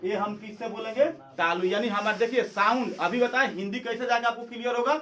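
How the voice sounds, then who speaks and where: Male teacher, high voice, recorded far off in an echoey classroom; drills students with repeated questions. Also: steady tone, bright, forceful tone. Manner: drills by asking and answering his own questions; says sounds slowly one by one. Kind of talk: classroom lesson. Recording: echoey room, far from mic.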